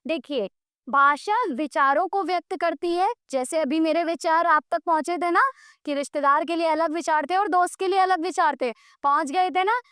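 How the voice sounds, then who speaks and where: A woman teacher giving a grammar lesson, explaining slowly and mixing English words into her speech, often checking whether students follow. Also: very high-pitched, a bit bright, no echo, clean studio sound. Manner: mixes English words into Hindi.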